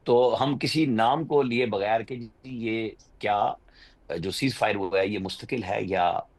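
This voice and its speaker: Speaking a little slowly with a fairly low pitch, this Pakistani-accented man is a journalist appearing as a political analyst guest. His unscripted commentary is insistent and winds on at length.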